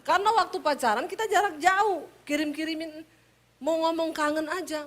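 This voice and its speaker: A female preacher from Sulawesi, with a Sulawesi Indonesian accent, delivers a lively sermon full of teasing, humorous stories. Her voice is extremely high-pitched and moderately paced.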